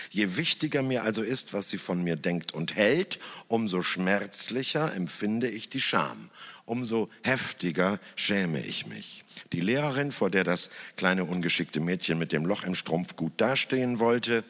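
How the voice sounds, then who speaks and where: Slow, reflective man in an echoing hall. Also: deep voice. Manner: slow, thoughtful, with lively emphasis and long pauses. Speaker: speaker who works in church television. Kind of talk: reflective talk in front of an audience. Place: stage in a hall. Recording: long hall reverb.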